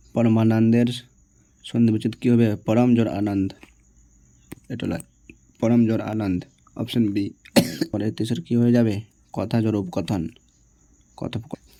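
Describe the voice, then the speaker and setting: Low flat-voiced man teacher. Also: no room sound. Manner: reads each question, answers it, checks with "ঠিক আছে?". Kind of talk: exam answer walkthrough.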